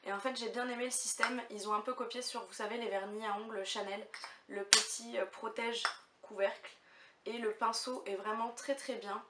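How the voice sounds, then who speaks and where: A woman's voice: fairly high pitch, fairly even intonation, normal speed. A young woman vlogging casually to camera, chatty and hesitant, with lots of fillers. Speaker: beauty vlogger. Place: room at home. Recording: echoey room, mic far off, faint hiss.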